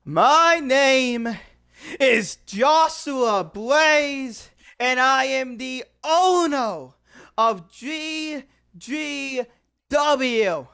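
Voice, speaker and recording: Cocky male wrestling-company owner promo by a roleplayer, slow and smooth, grandstanding. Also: sits high, animated, pushed and bright, exaggerated voice. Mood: boastful. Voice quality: boastful, grandstanding, drawn-out dramatic pauses.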